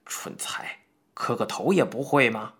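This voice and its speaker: A man's voice: medium pitch, expressive, fairly quick, creaky, slightly rough, pitched below the performer's own voice. A man voicing a stern, bossy middle-aged mentor who scolds curtly in an audiobook. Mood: scolding. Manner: scolding, curt.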